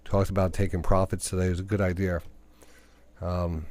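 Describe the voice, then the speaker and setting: A man's voice: low-pitched, little pitch movement, fast talker, a little mellow, dry recording. A man with a New York accent hosting live day trading commentary, thinking aloud and talking to the market and to himself. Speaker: day trading radio host.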